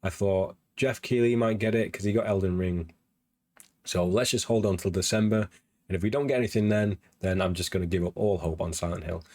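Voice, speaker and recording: Deep-voiced man hosting a gaming podcast. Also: brisk, darkish tone, no echo. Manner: rambling and eager, many fillers and restarts. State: slightly losing his voice. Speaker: podcast host. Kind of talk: casual gaming news chat on a livestream.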